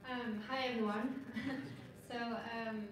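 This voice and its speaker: A woman from Lebanon answers panel questions in a chatty, halting way full of fillers. She is picked up from a distance in a big echoing space, with crowd ambience under her voice. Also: a little high, fairly even intonation. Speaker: panel guest, marathon runner. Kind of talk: casual panel talk. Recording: echoey, distant mic, noisy ambience.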